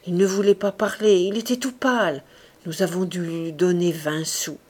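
A woman reading the lines of an eager, gossiping spinster in an audiobook, brisk and insistent. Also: lowish voice, steady tone, a little mellow, lightly acted.

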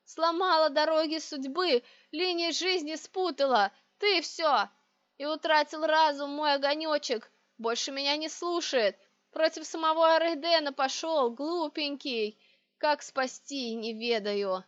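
A woman voicing a crooked, ancient witch who rants and wails in slow, drawn-out cries. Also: a little high, fairly even intonation, fairly bright tone, dry recording. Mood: wailing. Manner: slow, wailing, hissing rants. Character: crooked ancient female witch, shrieking, raving. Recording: dry, dull lo-fi recording.

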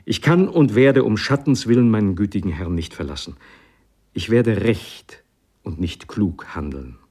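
A man's voice: fairly low pitch, animated, measured pace, mellow, breathy edge, exaggerated voice. A man reading the lines of a loyal young male servant, tearful and devoted, in a fervent, heartfelt way.

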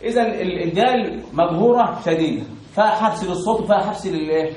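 Recorded from afar in an echoey room with a little hiss or hum, this Egyptian-accented man leads a Quran recitation class. His voice is high, fast and darkish in tone, and he keeps firing questions that the students answer back in call and response.

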